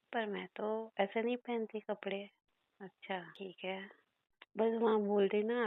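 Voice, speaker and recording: A woman's voice: mid-range voice, no room sound, narrow, tinny audio. A woman giving a psychic reading, relaying messages, chatty and playful and laughing often. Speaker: psychic reader.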